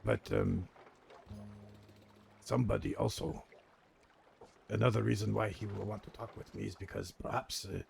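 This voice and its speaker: A man playing a grumpy, weary old crime organization veteran in an online role-play game, speaking gravely and haltingly in a gravelly voice. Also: fairly low pitch, steady tone, darkish tone, soft background music. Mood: grumpy, confiding.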